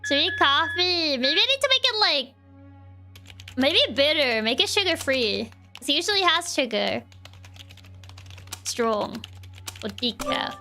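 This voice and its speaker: A woman's voice: high voice, sing-song, measured pace, long pauses, sharp tone, faint music behind. A woman streaming a game, casually and playfully thinking aloud and talking to the game as she plays. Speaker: gaming streamer. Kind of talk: casual commentary while playing a game.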